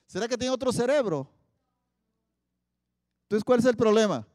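A man preaching a sermon, often asking the audience questions and stressing Bible quotes loudly. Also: very high-pitched, lively intonation, moderate pace, studio quality. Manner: asks the audience many questions, loud emphatic Bible quotes. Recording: long hall reverb.

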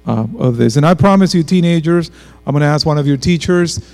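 A fairly high-pitched male pastor, telling stories and speaking straight to his congregation. His voice rings out in a church hall with long reverb trailing behind each phrase, and a faint electrical hum runs underneath. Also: normal speed, a little mellow. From Dominican Republic. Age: 40s. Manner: storytelling, addresses congregation directly. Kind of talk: bilingual church sermon with personal stories.

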